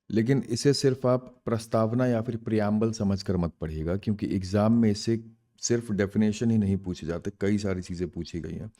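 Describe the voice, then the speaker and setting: Low mellow-voiced male teacher. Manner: explains terms in Hindi and English, asks and answers own questions. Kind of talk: exam-prep lecture.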